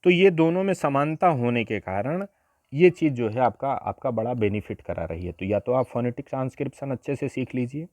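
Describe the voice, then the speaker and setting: Pitched in the middle and somewhat dark in tone, this animated male teacher leads a grammar lesson for exam preparation. He takes the points one step at a time, frequently stopping on rhetorical questions, and the recording is close and dry with no room sound.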